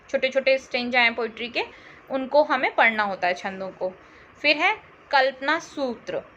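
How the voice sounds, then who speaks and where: Bright high-voiced woman teaching, slightly dull audio. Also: a little hiss or hum. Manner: repeats terms, quizzes listeners with questions. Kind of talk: exam-prep history lesson.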